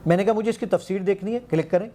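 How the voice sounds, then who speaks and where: Eager man demoing his app, mellow voice. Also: sits high, slight background noise. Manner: eager, quotes himself giving commands, counts aloud. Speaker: app founder demonstrating his app. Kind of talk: animated demonstration in an interview.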